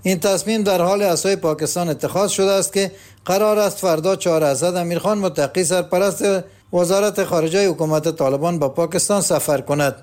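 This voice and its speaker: A man's voice: high voice, a little mellow. Man reading radio news, Afghan Dari accent. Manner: formal, measured delivery. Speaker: newsreader.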